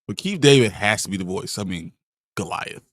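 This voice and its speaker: A man's voice: on the low side, lively intonation, fast talker, dry recording, clean studio sound. A young man co-hosting a live pop-culture show, easygoing and enthusiastic. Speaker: co-host of live nerd news show. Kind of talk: casual chat.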